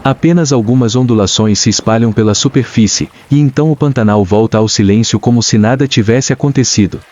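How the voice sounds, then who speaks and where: A man with a Brazilian accent reads scripted nature documentary narration in a measured, dramatic storytelling way. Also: medium pitch, darkish tone. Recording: dull lo-fi sound with music. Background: clear background music.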